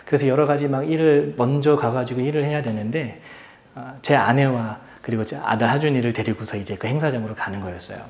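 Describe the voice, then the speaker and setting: A man's voice: a little high, reverberant. A man in his thirties, a pastor preaching a sermon and telling a personal story, his voice rising and dropping as he acts out what people said. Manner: storytelling, acts out quoted voices softly and loudly. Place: church sanctuary.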